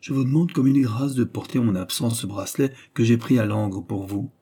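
A man's voice: mid-range voice, brisk, warm tone, husky, close to an everyday voice. A man reading aloud and voicing a big, awkward young nobleman pleading with the woman he loves. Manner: earnest, pleading.

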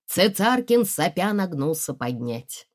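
A woman's voice: fairly low pitch, sing-song, a little slow. A woman reading a novel aloud as a narrator, telling the story expressively. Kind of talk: audiobook reading.

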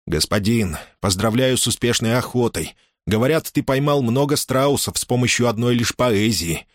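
A man's voice: medium pitch, animated, normal speed, no room sound, studio quality, natural voice. A man voicing a courteous, feverish male servant in an audiobook, speaking politely and deferentially.

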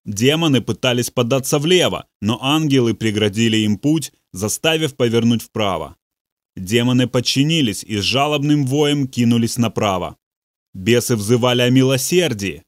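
Brief: measured male narrator, dry studio read. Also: mid-range voice, no room sound. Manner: measured, steady storytelling. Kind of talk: audiobook reading.

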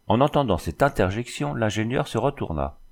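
Low-voiced man narrating a novel. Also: animated, vocal fry, a little mellow. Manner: measured literary reading. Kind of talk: audiobook narration.

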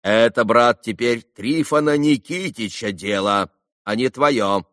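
A man's voice: medium pitch, measured pace, a bit bright, no echo, studio quality, lightly acted. A man voicing a cocky, clever schoolboy who teases and questions people sternly, in a storybook reading.

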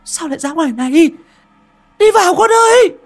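A man voicing a frightened grandmother in a rural village, crying out in a shrill voice. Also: very animated, normal speed, dark tone, breathy edge, soft background music. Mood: panicked. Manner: shrill, panicked cries.

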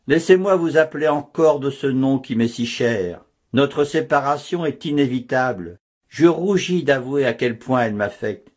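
A man reading the lines of a grave, measured monk prior in an audiobook. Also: mid-range voice, close to an everyday voice. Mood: gently firm. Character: grave male monk prior, torn and firm.

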